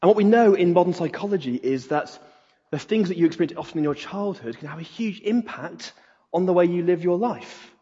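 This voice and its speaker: A man's voice: sits high, expressive, brisk, mellow, breathy edge. A man preaching a sermon in an earnest way, repeating key phrases for emphasis. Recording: reverberant hall, dull lo-fi sound.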